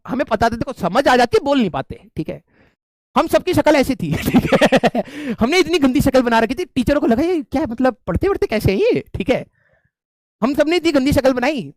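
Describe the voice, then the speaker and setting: A man teacher telling a funny story to his class, animated and laughing often. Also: very high voice, no echo, studio quality. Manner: animated, laughing, frequent filler checks.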